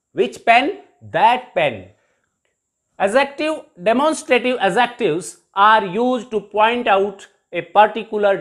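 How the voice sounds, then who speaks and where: A teacher with an Indian English accent delivers a televised grammar lesson at an unhurried pace. The voice is middle-pitched and each example is spelled out and repeated as a question and its answer. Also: fairly bright tone.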